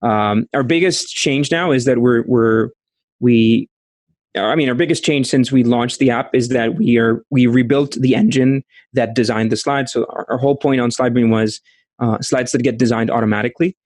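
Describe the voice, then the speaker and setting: A man in his thirties from Costa Rica with a Costa Rican accent, answering interview questions over a video call, speaking haltingly with many restarts. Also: mid-range voice, darkish tone, no echo. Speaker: startup founder. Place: small room at home, indoors. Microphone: studio mic with headphones.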